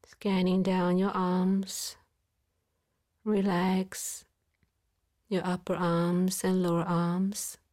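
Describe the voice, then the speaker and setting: A woman guiding a body-scan relaxation in a soft, calm voice, sometimes dropping into a whisper, with long pauses. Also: fairly low pitch. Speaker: meditation guide.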